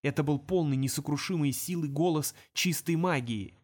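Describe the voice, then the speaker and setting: A man reads a fantasy story aloud in an even, steady storytelling voice. His pitch sits slightly high for a man. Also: moderate pace. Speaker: audiobook narrator. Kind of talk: scripted narration.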